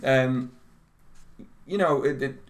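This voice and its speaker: A man's voice: mid-range voice, slow. A man chatting casually about a film on a podcast, joking and swearing freely. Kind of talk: casual film review chat.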